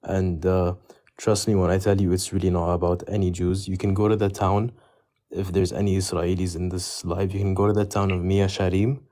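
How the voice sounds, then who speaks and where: A man from South Lebanon calling into a live stream, speaking in an earnest, measured way. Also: low voice, flat delivery, dark tone.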